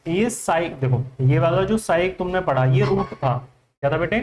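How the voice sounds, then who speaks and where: A man's voice: a little high, expressive, normal speed, darkish tone, slight background noise. A man with an Indian accent teaching an English vocabulary class in Hindi, quizzing his students with repeated questions. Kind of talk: classroom lesson.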